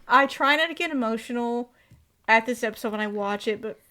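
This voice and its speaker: A woman's voice: on the high side, a little fast, pushed and bright. A woman co-hosting a casual fan chat, recapping the story with fillers and growing emotional. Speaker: podcast co-host.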